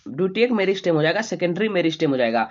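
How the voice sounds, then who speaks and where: Fast-talking male exam tutor, dull audio. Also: high voice, sing-song. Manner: rapid, repetitive, keeps asking and answering his own questions; reads English questions slowly, then explains in Hindi. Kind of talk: fast exam revision lecture.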